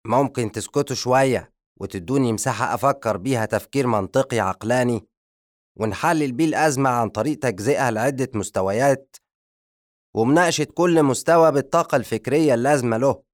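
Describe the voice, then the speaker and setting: Guy putting on a hot-headed egyptian sorcerer, loud fast lecturing, dry close sound. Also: fairly low pitch, fairly even intonation, no echo, natural voice. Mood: scolding. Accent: Egyptian Arabic. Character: short-tempered male sorcerer, pompous and lecturing.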